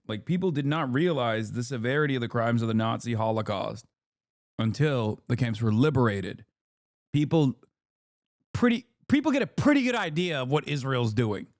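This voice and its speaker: A man's voice: mid-range voice, animated, no room sound, clean studio sound. A man in his thirties streaming, reacting to an interview with heated, profane, incredulous commentary. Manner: fast, profane, incredulous rants.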